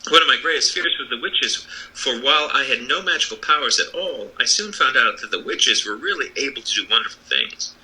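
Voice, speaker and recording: A man's voice: mid-range voice, expressive, brisk, pushed and bright, slightly rough, full character voice, rough recording. A man voicing the Wizard of Oz as a kindly, apologetic old humbug, earnestly explaining himself in a storybook reading. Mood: confiding, explanatory. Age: older.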